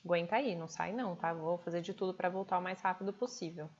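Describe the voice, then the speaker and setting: A woman with a Brazilian Portuguese accent hosting a live stream, chatting casually and talking quickly. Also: lowish voice, lo-fi sound. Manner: fast, hurried talker.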